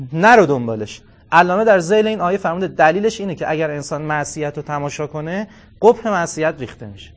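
Animated man giving a religious lecture. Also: fairly high pitch. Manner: animated, storytelling with reenacted dialogue and Arabic quotations. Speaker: cleric lecturer.

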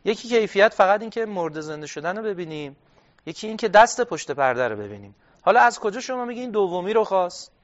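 A man with a fairly high voice giving a religious studies lecture on a dull, lo-fi recording. He reads Arabic text aloud, then rephrases it plainly. He asks his listeners questions and answers them himself. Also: big pitch swings. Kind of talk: classroom lecture on Quranic exegesis.

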